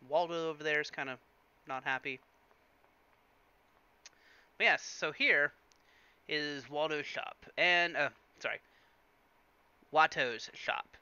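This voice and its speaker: A man's voice: a little high, slow, pauses often, bright, forceful tone, clean tone, dull audio. A man hosting a let's play, giving chatty, casual game commentary full of fillers.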